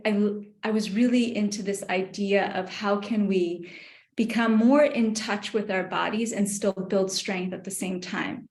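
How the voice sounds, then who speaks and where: Reflective middle-aged woman in a roomy space. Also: mid-range voice. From New York City. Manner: thoughtful, hesitant, many fillers and small laughs. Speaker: yoga teacher, interview guest. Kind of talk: casual interview chat. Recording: roomy echo.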